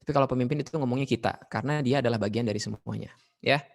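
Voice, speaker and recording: A man's voice: mid-range voice, racing, gravelly. Indonesian guy teaching a leadership class online, upbeat, tosses in english words, keeps calling on students. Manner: lively, mixes English phrases, calls on students. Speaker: teacher leading a leadership training session.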